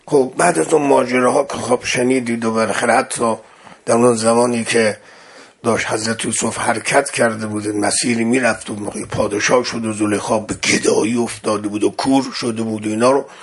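A man preaching a religious sermon, telling a story and acting out the dialogue with sudden swings from loud to hushed. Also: medium pitch, steady tone. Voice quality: gravelly and husky. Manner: dramatic swings of loudness, acts out quoted dialogue.

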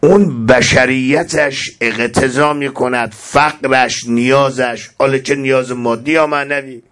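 A male preacher giving a sermon at a middle pitch. He intones Arabic verses slowly, then explains them in plain colloquial speech, and his voice rises in emphatic bursts. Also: fairly even intonation, fairly bright tone.

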